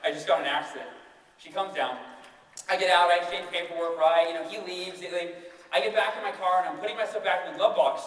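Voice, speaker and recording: A young man giving a motivational keynote, telling a story in an energetic, conversational way and often asking "right?". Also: high-pitched, brisk. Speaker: keynote speaker. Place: large hall with audience. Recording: echoey hall, distant mic, faint noise.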